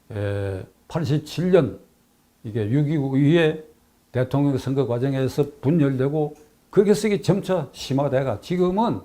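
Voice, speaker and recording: An older man delivers a political commentary in a fairly high voice. He is emphatic, repeating key phrases for stress and asking rhetorical questions as he goes. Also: mellow.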